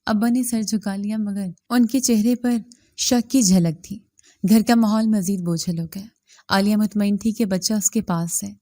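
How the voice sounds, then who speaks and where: A woman reads a moral story aloud in a steady, even voice that sits in the mid range. Her tone is mellow and dark, and the recording is close and dry, with no echo or room sound.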